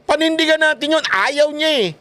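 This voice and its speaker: A man from the Philippines giving animated political commentary as a vlogger, mocking his critics and laughing often. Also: very high-pitched, moderate pace.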